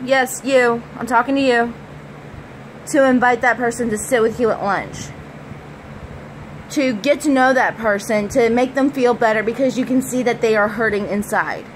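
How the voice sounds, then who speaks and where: Casting: young American woman, higher-pitched preppy voice, blunt sweary vlog chat, slightly noisy home-made recording. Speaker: vlogger. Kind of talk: casual personal vlog talk. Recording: faint background noise.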